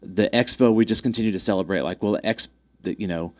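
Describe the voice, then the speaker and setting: A track club representative with a congested, lowish voice talks fast in a casual interview, chatting upbeat about upcoming races. His promotional pitch is packed with fillers, and there's no room sound.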